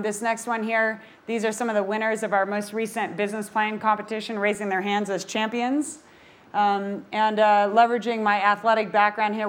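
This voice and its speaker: Passionate woman giving a stage talk. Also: medium pitch. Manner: passionate, energetic. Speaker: nonprofit founder giving a talk. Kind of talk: stage talk presenting slides.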